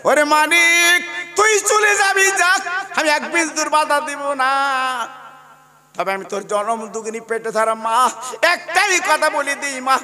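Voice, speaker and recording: A man's voice: very high voice, slow, big-room sound, voice pushed up. A male preacher voicing a grieving, loving mother who speaks through tears in a wailing sing-song. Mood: tearful, tender. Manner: weeping, pleading sing-song wail.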